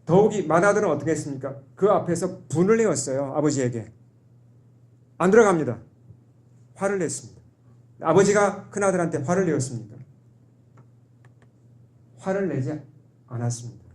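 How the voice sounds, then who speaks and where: A man's voice: fairly high pitch, animated, moderate pace, long pauses, a little mellow. A man, a pastor, preaching a sermon in a church, asking the congregation questions and acting out quoted voices.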